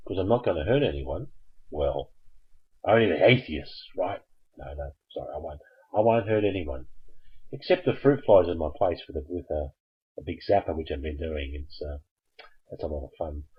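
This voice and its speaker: A man's voice: low-pitched, slightly rough, highs cut off. A man hosting a live call-in stream, chatting casually and jokingly coaxing viewers to phone in. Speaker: host of a live call-in show.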